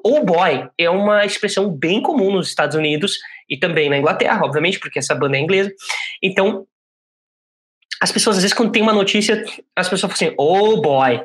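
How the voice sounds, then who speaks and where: A man's voice: fairly high pitch, fairly bright tone. Brazilian man teaching English casually. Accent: Brazilian Portuguese. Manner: spells out English phrases slowly and repeats them; chatty, frequent "né?" check-ins. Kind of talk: casual classroom explanation.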